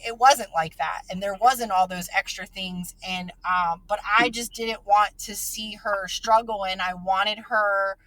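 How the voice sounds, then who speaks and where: Talking about her child on her podcast, a woman sounds earnest and emotional, stumbling through fillers and restarts in casual conversation. Her voice is mid-range with a sharp tone.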